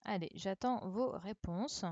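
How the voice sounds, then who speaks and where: Woman teacher on a live class stream, patient, repeats the answers, talks slow, no room echo. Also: medium pitch, darkish tone, highs cut off. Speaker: primary school teacher. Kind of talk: online class correction, speaking slowly to children. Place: home, remote livestream. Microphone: computer mic on a live stream.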